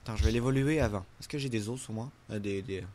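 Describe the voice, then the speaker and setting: A man's voice: lowish voice, fast, a little mellow, no room sound. A man, chatting playfully during a game, with mock-formal asides. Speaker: gamer co-host. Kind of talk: casual gameplay chat.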